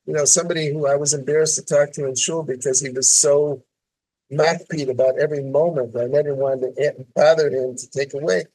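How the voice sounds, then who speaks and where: Gravelly older man, reflective interview guest. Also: on the high side, steady tone, brisk, warm tone, poor audio. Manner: reflective, with many restarts and fillers. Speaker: guest columnist. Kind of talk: casual interview talk.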